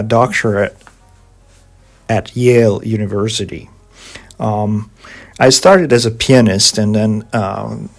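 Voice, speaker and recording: A middle-aged Hungarian guest organist and composer answers interview questions in measured English, pausing often and using fillers. His voice is on the low side and slightly mellow.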